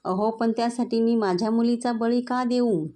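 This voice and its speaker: A woman puts on a worried middle-aged family man in a storybook reading, hesitant and pleading. The voice is low and soft-edged. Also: fairly even intonation, moderate pace, close to an everyday voice. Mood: upset.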